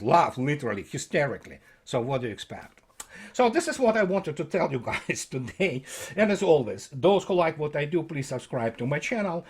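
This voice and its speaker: Husky, sarcastic man. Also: mid-range voice. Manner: rambling, sarcastic, many fillers and restarts. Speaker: channel host. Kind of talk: casual commentary monologue.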